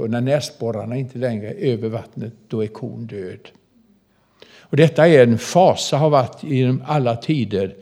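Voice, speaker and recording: Older man, prison minister, storytelling sermon, folksy, animated, middle-pitched voice. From southern Småland, Sweden. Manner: folksy, animated, addresses listeners directly.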